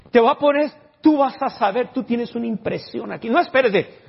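A man preaching a sermon, lively and acting out dialogue, now and then slipping into English words. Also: extremely high pitch, fairly quick, creaky, breathy edge, lo-fi sound. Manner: lively, acts out quoted dialogue.

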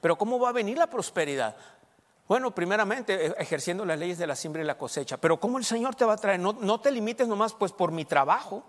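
A man preaching a sermon as pastor, emphatic, swinging between loud and soft and checking in with the congregation. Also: high-pitched, lively intonation, fast. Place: church. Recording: long church reverb.

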